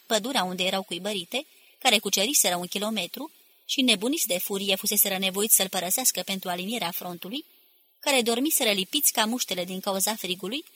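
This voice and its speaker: A woman narrates a war novel as an audiobook, reading with dramatic intensity. Her voice is bright and sharp-edged. It carries a husky, breathy grain. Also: medium pitch.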